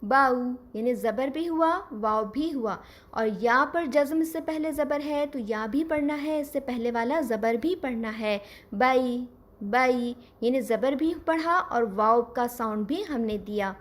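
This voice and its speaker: A woman teaching Quran recitation, explaining patiently step by step and slowing down to model each sound. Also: a little high. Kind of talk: scripted lesson.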